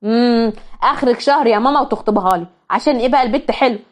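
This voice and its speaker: A woman's voice: a little high, rapid-fire, natural voice. A woman with an Egyptian accent voicing a playful, impatient young man who teases eagerly. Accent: Egyptian Arabic. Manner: teasing, eager.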